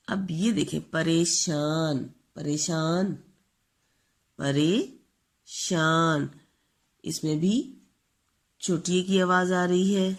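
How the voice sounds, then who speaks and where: A woman teacher giving a children's reading lesson, sounding out words slowly and repeating them for her pupils. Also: lowish voice, gravelly, a little mellow. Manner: slow, drawn-out word-by-word dictation with sounded-out words.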